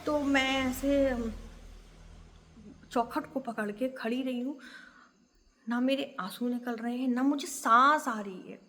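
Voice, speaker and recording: A woman telling an emotional personal story about her temple, speaking earnestly with many pauses. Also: high-pitched, a bit bright, long reverb tail.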